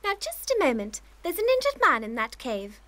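A brave young heroine, held captive, defies her captors. Her voice is very high and bright, with a lively swing. She is a spirited cartoon captive. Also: normal speed, exaggerated voice. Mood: defiant. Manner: defiant, protesting.

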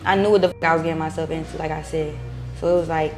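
A woman's voice: low-pitched, fairly even intonation, racing, darkish tone. A woman on a reality show talking a conflict over in casual, shrugging-off slang. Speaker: reality show cast member. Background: music.

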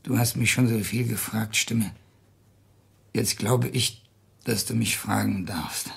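Guy playing a broken sick man begging, quiet almost whispering, low husky voice. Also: heavily acted. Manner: hushed, pleading, half-whispered.

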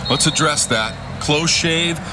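A man's voice: fairly high pitch, slow, noisy background. A man calling a football game as play-by-play announcer on a headset, in clipped, factual phrases. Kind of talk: live sports commentary. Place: stadium broadcast booth.

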